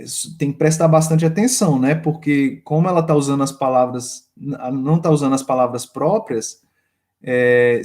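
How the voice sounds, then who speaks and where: A man's voice: a little high, a little mellow. A man from Brazil teaching a course on raising children, speaking hesitantly with many fillers and restarts. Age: adult with a young daughter. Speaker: course instructor. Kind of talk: lecture on child education.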